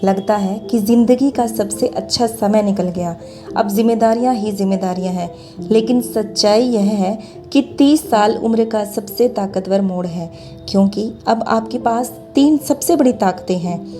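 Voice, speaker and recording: A woman's voice: medium pitch, normal speed, mellow. A woman in her thirties giving a motivational talk, earnestly urging her listeners on. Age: 30s. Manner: earnest, exhorting. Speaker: motivational speaker. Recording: music behind the voice. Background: background music.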